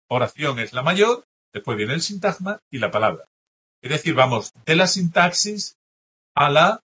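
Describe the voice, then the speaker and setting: Male teacher, husky, a bit high; patient classroom explainer. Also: bright, forceful tone. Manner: explanatory, checks in often with the class. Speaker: language teacher. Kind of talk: classroom lecture going over test answers.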